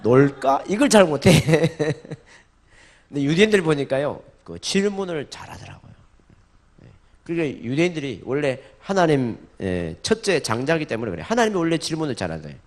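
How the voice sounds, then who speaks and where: A man from the Gyeongsang region with a Gyeongsang accent, lecturing a church congregation in an animated way and acting out bits of dialogue. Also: on the high side, moderate pace. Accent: Gyeongsang Korean. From Gyeongsang region, Korea. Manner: animated, acts out dialogue in varied voices, leads call-and-repeat. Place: church in Busan.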